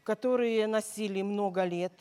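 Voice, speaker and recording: A woman's voice: medium pitch, moderate pace, mellow, clean tone. Hesitant woman from Ukraine giving testimony. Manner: hesitant, many filler sounds. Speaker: church member giving a testimony. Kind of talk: halting personal testimony, paused for interpreting.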